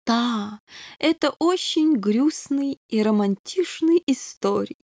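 A woman's voice: sits high, sing-song, takes it slowly, dry recording, studio quality, voice pushed up, heavily acted. A woman voicing a pompous, bored male doberman king who speaks drawling, broken Russian with a foreign accent. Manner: drawling, sentimental.

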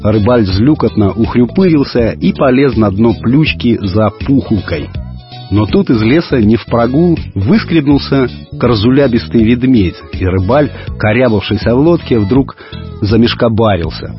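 A man narrating a children's story in an expressive, storyteller manner. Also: mid-range voice, normal speed. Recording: dull radio recording, faint music.

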